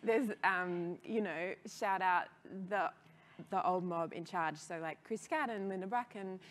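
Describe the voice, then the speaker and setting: A woman's voice: fairly low pitch, a little slow. An Australian woman in her thirties from rural Australia, telling her career story in a casual interview, chatty and often laughing. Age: 30s. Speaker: guest, DJ and label founder.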